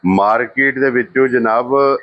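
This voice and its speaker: A man's voice: medium pitch, unhurried. A man with a Pakistani Punjabi accent hosting a farm interview, agreeing respectfully and asking about prices and breed. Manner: steady agreeing backchannels, respectful. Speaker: channel host interviewer. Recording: dull lo-fi sound.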